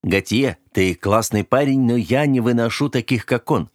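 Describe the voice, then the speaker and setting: A man voicing a friendly-sounding but menacing young man who switches between easy cheer and cold, clipped calm in an audiobook. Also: mid-range voice, moderate pace, dry recording, clean studio sound, lightly acted. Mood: steely. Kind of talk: audiobook character voice.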